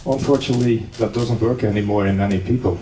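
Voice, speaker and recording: Speaking fast in a lowish, mellow voice with fairly even intonation, a man from the Netherlands delivers a conference lecture, steady and lightly dry-humored. The echoey hall, distant mic and faint noise shape the recording.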